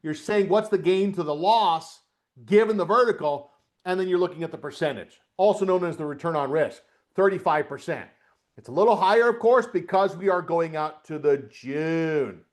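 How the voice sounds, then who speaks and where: A middle-aged man leads a live webcast lesson on options trading. His voice sits a bit high for a man, and he keeps it chatty, drifting into folksy asides while he works through the trades. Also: normal speed. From upstate New York, US. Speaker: trading coach.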